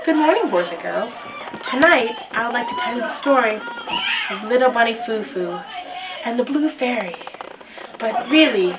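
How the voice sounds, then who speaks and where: A woman narrating a mock children's story in a playful, irreverent way with deadpan asides. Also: on the high side. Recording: muffled lo-fi recording with hiss.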